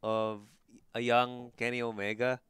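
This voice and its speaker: Smooth-voiced excitable man. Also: mid-range voice, no room sound, clean studio sound. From Philippines. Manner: excitable, laughs often, fast asides. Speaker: podcast co-host. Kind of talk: casual wrestling chat.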